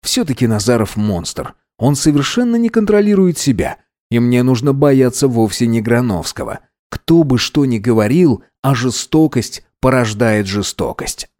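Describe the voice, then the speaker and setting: A man narrating a fantasy audiobook in the first person, even and measured. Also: medium pitch.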